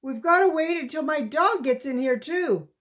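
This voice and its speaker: A woman's voice: high-pitched, expressive, moderate pace, fairly bright tone, voice pushed up. A woman voicing a determined young mountain boy in a storybook reading, urgent and commanding.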